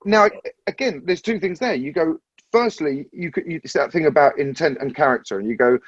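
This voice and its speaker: A man in a casual podcast discussion, thinking out loud and circling back to restate his points. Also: fairly high pitch, animated, brisk, breathy edge, no room sound, dull audio. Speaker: podcast panelist.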